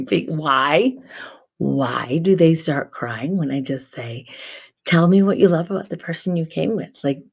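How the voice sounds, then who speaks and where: A woman hosting a live stream, telling spiritual stories casually, swinging between loud bursts and soft near-whispers. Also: low voice, creaky, breathy edge. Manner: casual, swears, repeats herself. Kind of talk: spiritual storytelling chat.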